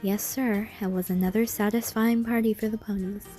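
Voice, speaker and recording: A woman's voice: mid-range voice, steady tone, normal speed, warm tone, faint music behind. A woman reading scripted horror fan fiction as a story narrator.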